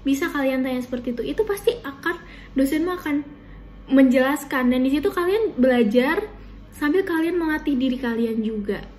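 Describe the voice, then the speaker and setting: A woman's voice: sits high, animated, brisk, a little mellow. A young woman, a university student from Indonesia, giving casual spoken tips to viewers in an informal, chatty way with many fillers. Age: young adult.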